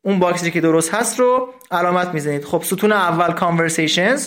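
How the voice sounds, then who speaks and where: A man teaching English from a textbook in a recorded lesson, explaining step by step and saying English words slowly. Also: high-pitched, fairly bright tone.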